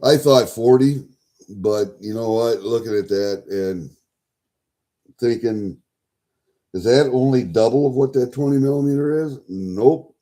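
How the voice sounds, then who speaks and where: A man chatting casually to viewers as a livestream host, folksy and sweary, thinking out loud as he goes. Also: mid-range voice, unhurried. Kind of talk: casual rambling chat to viewers.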